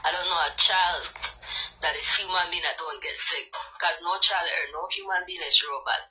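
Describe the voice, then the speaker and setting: A woman with a Louisiana Creole accent speaks with passion in a casual talk show, urging her listeners on. Her voice is bright and forward, with a dull, lo-fi recording quality. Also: lowish voice, steady tone, normal speed.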